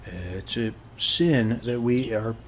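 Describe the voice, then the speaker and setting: A faint hiss or hum sits under a medium-pitched voice that's close to everyday speech and unhurried. The ASMR performer is roleplaying a friendly, talkative suburban neighbor, casually rambling in a warm, folksy, reassuring way and repeatedly checking in with "okay?"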